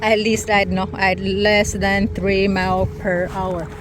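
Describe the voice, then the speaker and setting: A product demonstrator narrates a casual test on a small motorboat, her medium-pitched voice unhurried and barely moving in pitch. Short, broken remarks come over music, along with the noise of the boat and water.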